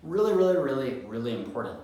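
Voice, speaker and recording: A man's voice: medium pitch, very animated, quick pace, warm tone. A young man coaching students on admissions essays, talking energetically and repeating words for emphasis. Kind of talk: instructional talk to camera. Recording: very echoey room.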